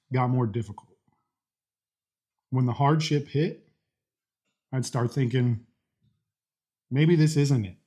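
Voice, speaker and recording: A man speaking earnestly and deliberately in short phrases, as a vlogger giving a faith-based motivational talk. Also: medium pitch, mellow. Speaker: host of a daily challenge vlog.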